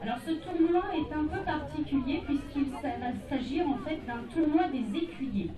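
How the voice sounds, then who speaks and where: A woman announcing a live medieval tournament show, proclaiming in short phrases with pauses between them. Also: high-pitched. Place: outdoors at a castle tournament ground. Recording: roomy, distant PA sound with crowd noise.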